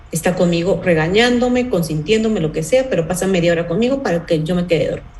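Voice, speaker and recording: A woman's voice: medium pitch, a little mellow, reverberant, rough recording. Woman teaching a parenting workshop. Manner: explanatory, asks the audience rhetorical checks like "¿sí?" and "¿bien?".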